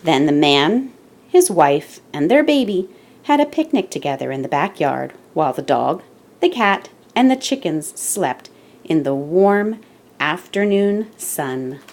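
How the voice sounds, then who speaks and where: Here a low-pitched woman acts as host, reading a children's picture book aloud and storytelling with deliberate, expressive emphasis.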